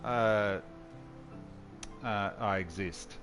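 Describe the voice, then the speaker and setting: A man's voice: lowish voice, extremely slow, over music. A man hosting casual gameplay commentary, musing and thinking aloud as he plays. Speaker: host.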